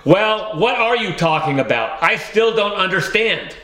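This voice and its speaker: A man's voice: high voice, very animated, unhurried, sharp tone, echoey room, full character voice. A man reading the lines of a good-natured, naive male family dog in an audiobook, earnest and a little indignant.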